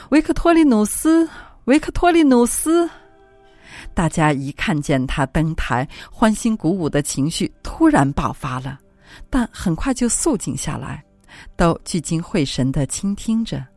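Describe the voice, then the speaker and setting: A woman reading a religious classic aloud as an audiobook, with solemn, devotional and expressive phrasing. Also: low voice, dry recording. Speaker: audiobook reader. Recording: dry close recording with faint music.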